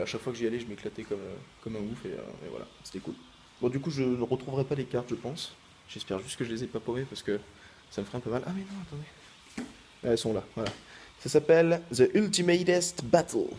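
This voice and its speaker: A man's voice: mid-range voice, a little mellow, a little hiss or hum. A man who makes gaming videos, chatting casually to his viewers in a rambling, hesitant way full of fillers and restarts. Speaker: gaming YouTuber. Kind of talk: casual vlog chat.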